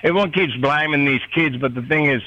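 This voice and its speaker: A man's voice: a little high, a little fast, pushed and bright, slight background noise. A middle-aged man with a rural North Queensland accent, chatting casually on radio in a rambling, laconic drawl. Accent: rural North Queensland Australian. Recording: dull, lo-fi radio sound.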